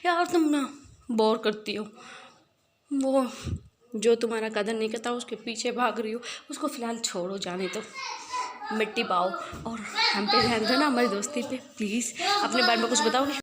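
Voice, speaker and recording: A woman's voice: medium pitch, moderate pace, background noise, natural voice. A young man in a spoken story, coaxing and pleading with a playful, teasing edge, put on by a woman. He is caring rather than stern, with a mid-range, everyday voice.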